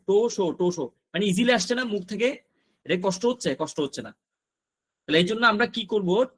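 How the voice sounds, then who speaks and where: Male teacher, high-pitched, drills word pairs over and over, asks and answers himself. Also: a bit bright. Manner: repetitive drilling, asks and answers own questions. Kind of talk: online class lesson.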